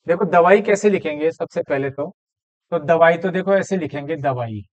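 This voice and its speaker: A man teaching a Hindi grammar lesson, explaining step by step and repeating words slowly. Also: fairly high pitch.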